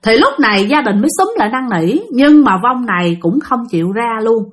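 A woman narrating a ghost story in a casual, chatty spoken style, turning often to address her listeners. Her voice sits somewhat high and moves in a lively way across its range. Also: a little fast. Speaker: storyteller of a channel.

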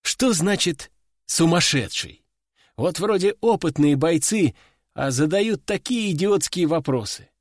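Brief: male audiobook narrator, slightly high voice, dry close sound, wry delivery. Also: animated, a little slow, dry recording. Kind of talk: scripted fiction narration.

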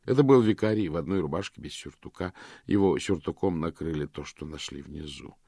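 A man narrating a story in a measured, even reading. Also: rumbling low, no echo, clean studio sound. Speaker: audiobook narrator. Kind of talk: scripted narration.

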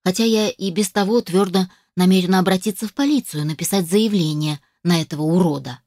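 A woman's voice: on the low side, brisk, a little mellow, dry recording. A woman reading a dramatic first-person story aloud, emotional and distressed, on a close microphone. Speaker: audiobook narrator.

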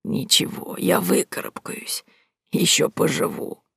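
A woman reader voicing a frail, bedridden old woman who speaks weakly, slowly and half in a whisper. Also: low-pitched, big pitch swings, vocal fry, slightly rough, no room sound, clean studio sound, exaggerated voice. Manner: weak, slow, half-whispered. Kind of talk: audiobook character voice.

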